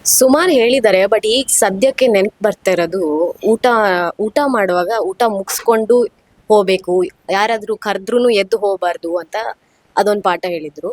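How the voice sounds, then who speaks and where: A young woman being interviewed, recalling family memories in a quick, chatty way with English words mixed in. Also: mid-range voice, a little mellow, no room sound. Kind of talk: casual interview reminiscence.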